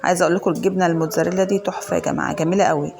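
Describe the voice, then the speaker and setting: A woman with an Egyptian Arabic accent, slightly hoarse from a cold, chatting to viewers as she walks them through a home cooking recipe. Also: fairly low pitch, steady tone, very fast, background noise. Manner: chatty, addresses viewers directly, lots of fillers. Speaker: home cooking channel host. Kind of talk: casual cooking tutorial. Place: home kitchen.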